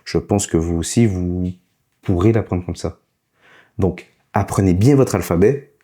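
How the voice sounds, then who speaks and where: A man with a low, mellow voice and a slight foreign accent gives a relaxed spoken lesson. He explains things patiently and goes back over the key points. His delivery is casual and steady. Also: a little slow, husky. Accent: foreign accent in French. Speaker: teacher.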